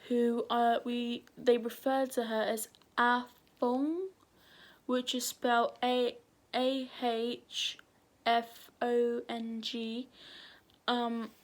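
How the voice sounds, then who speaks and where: A woman's voice: fairly high pitch, level tone, extremely slow. A woman telling a true crime story at home late at night, nervous and often dropping to a whisper. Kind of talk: casual true crime narration.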